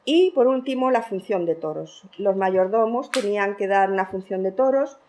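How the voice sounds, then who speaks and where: Spanish woman giving a lively lecture. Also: mid-range voice, moderate pace. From Spain. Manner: lively, laughs between items, many fillers. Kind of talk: academic conference talk.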